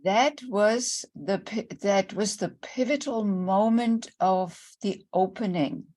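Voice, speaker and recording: Slow and a little mellow, a medium-pitched woman's voice belongs to an older intimacy coach from Germany with a German accent. As an online interview guest, she reflects earnestly on her personal story.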